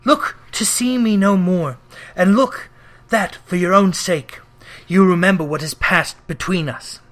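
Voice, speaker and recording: Man acting a mournful, high-voiced wailing ghost. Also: fairly bright tone. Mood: solemn, warning. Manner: wailing, solemn, drawn-out declamation. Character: mournful, stern male ghost, warning and remorseful. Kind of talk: theatrical storybook reading.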